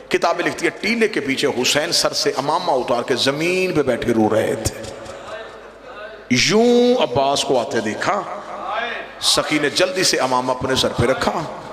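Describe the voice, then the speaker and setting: A man delivering a Muharram majlis sermon in a fairly high voice, swinging from slow, hushed storytelling up to passionate, shouted wailing. The sound comes from a roomy hall that leaves a long echo after every line. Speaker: majlis orator. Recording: echoey hall with long reverb.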